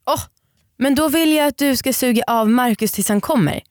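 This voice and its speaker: A woman's voice: high voice, darkish tone, dry recording, clean studio sound. A young woman co-hosting a podcast, chatting candidly, laughing often and acting out quotes in her stories. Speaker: podcast co-host. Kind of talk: casual frank chat.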